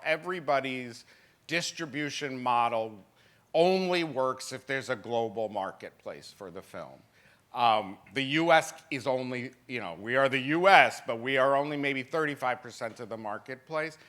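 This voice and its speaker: A man in his fifties, a film distributor speaking on a festival panel, animated, laughing often and restarting sentences. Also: medium pitch. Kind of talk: panel discussion. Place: festival symposium panel stage.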